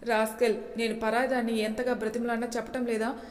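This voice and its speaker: A woman's voice: fairly high pitch, flat delivery, fast, natural voice. A woman voicing a feisty young wife who answers back boldly, in a storybook reading. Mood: hurt, angry. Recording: echoey room with long reverb.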